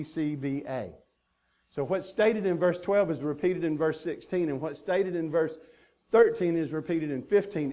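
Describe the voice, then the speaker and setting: A man's voice: fairly high pitch, mellow. A man preaching a sermon as pastor, earnest and emphatic, stacking repeated phrases.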